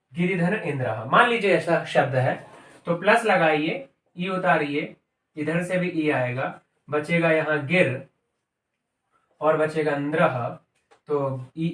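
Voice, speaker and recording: In this classroom-style grammar lesson, the teacher of Sanskrit and Hindi speaks at a fairly high pitch with a slightly bright tone. The distant, off-mic recording picks up an echoey room as he works through the material step by step, repeating each term and asking "ठीक है".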